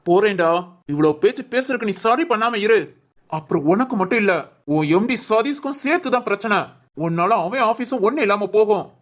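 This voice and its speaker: A woman playing an arrogant male office boss who berates his staff in a scornful, shouting way. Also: mid-range voice, animated, brisk, natural voice. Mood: furious.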